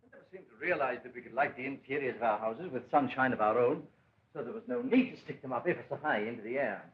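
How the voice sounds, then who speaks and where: An actor playing a gentle, elderly great-grandfather who mildly recalls the old days to a child, in 1930s film acting. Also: mid-range voice, fast talker, natural voice. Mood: reminiscing. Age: older. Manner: mild, reminiscing storytelling. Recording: dull lo-fi 1930s film soundtrack.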